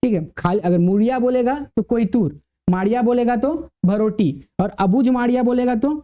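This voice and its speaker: A man's voice: very high voice, moderate pace. Male tutor, repetitive question-and-answer lecture, dull lo-fi recording. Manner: asks the class questions and answers them himself, repeats key words. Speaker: teacher. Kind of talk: classroom lecture.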